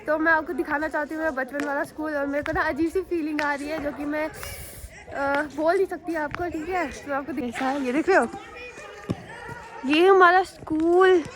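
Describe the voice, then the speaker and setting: This high-voiced vlogger from Jammu and Kashmir, India, keeps calling her viewers "guys" as she tells stories in a loose, chatty style, her intonation fairly even and her pace a little fast. Holding her phone, she records outside on a rooftop and at a school ground.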